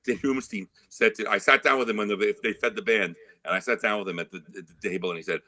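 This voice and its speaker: A man who is a guest musician on an interview, telling animated stories and acting out other people's voices. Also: lowish voice, fast talker, no echo. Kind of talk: casual interview chat.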